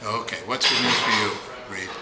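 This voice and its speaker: A man hosting an interview, talking haltingly with many restarts. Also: fairly low pitch, fairly even intonation, very noisy. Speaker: interviewer, host. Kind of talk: casual interview. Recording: echoey room at a loud party.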